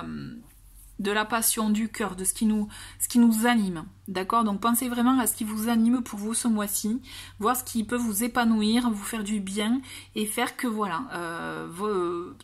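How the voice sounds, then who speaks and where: A woman speaks at a middling pitch, reading oracle cards for her viewers. She talks casually and gently, with many fillers and restarts, and keeps encouraging whoever is watching. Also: normal speed. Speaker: tarot and oracle card reader.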